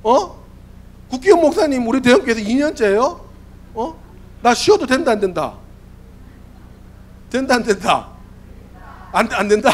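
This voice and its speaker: A man in his forties, a youth pastor, preaching a sermon in a church with a hoarse, worn voice. He keeps firing questions at the congregation. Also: very high voice, sing-song, moderate pace, pauses often. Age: 40s. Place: church sanctuary.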